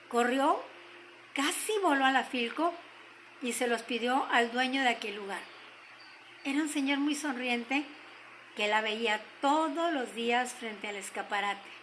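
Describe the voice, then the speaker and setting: An older woman with a Mexican accent telling a story gently, slowing down to stress key moments. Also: high-pitched, a little hiss or hum, rough recording. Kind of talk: told story.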